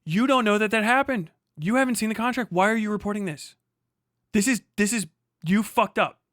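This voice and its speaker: A livestream host reacts heatedly to a clip, his commentary profane, combative and mocking. His high-sitting, slightly bright voice moves a little fast, recorded dry with clean studio sound.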